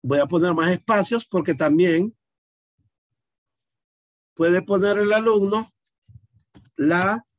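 A man teaching a class, explaining each step out loud and stopping to ask his students questions. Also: sits high, slow pace, long pauses, dry recording, clean studio sound. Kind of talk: online class demonstration.

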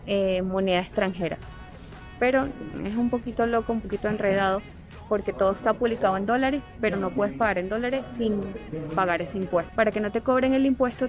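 Chatty Venezuelan woman touring a store. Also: medium pitch. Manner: chatty, reading out prices while browsing. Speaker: vlogger. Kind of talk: casual vlog tour. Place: large hardware store in a mall, indoors.

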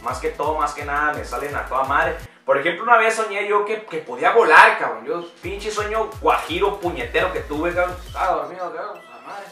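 Sarcastic, profane Mexican vlogger. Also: male voice, fairly high pitch, animated, brisk, few pauses, sharp tone, reverberant, distant mic, faint music behind. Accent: Mexican Spanish. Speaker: comedy vlogger. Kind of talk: crude comedic rant.

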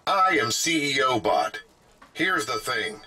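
A man's voice: mid-range voice, sing-song, slow pace, over music. A man voicing a formal male CEO robot in a video game, addressing the player. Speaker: game character.

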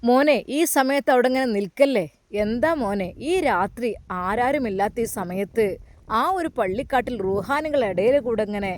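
A woman doing a fussing old mosque caretaker. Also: very high-pitched. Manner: coaxing, repeats tender address, many questions. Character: kindly elderly male mosque caretaker, fussing and fatherly.

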